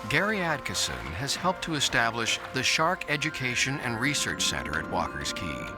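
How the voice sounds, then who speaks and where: Expressive male nature documentary narrator. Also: medium pitch, normal speed. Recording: narration over music bed. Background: music.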